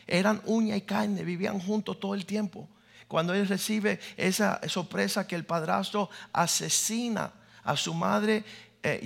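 High, gravelly male pastor; preaches in bursts, drops to a hush for stories. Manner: preaching, swings between loud declarations and hushed storytelling. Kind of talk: sermon with personal stories.

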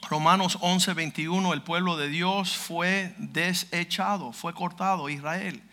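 A man preaching a fiery sermon who speaks bluntly, cracks mocking asides and bursts into shouts. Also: high voice, fairly even intonation, slow pace. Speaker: pastor.

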